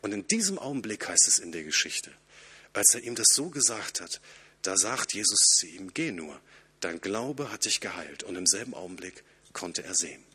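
A male preacher delivers a sermon with earnest conviction. His voice is bright and forward with a husky edge, and he swings from emphatic lines to hushed, intimate ones. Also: fairly low pitch, animated, fairly quick.

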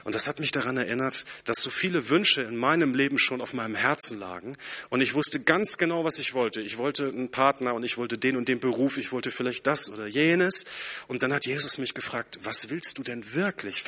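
A man preaching a sermon, earnest and lively, moving between emphatic points and quiet, hushed passages. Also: mid-range voice, fairly quick, husky.

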